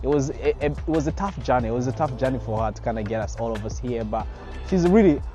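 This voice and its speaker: A man's voice: mid-range voice, animated, fast talker, dark tone. Guy in his 20s from congo, chatty and upbeat, says you know a lot, faint music under it. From Democratic Republic of Congo. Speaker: filmmaker and DJ. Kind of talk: documentary interview. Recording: slightly muffled, with faint music behind.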